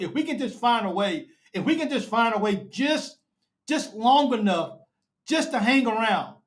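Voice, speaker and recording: A man hosts a live fan show, excited and emotional, repeating himself and calling listeners baby and bro. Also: extremely high pitch.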